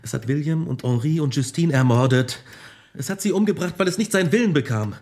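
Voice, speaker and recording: Husky, tormented Victor Frankenstein. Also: male voice, a little high, lively intonation, a little mellow. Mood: haunted, determined. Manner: intense, halting, confessional. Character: tormented, guilt-ridden, obsessive son and scientist. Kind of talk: German radio drama acting.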